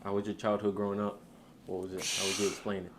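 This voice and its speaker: A man's voice: lowish voice, flat delivery, quick pace, background noise. A male interviewer asking short, casual questions in a street interview. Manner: casual, brief prompting questions. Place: outdoors on the street.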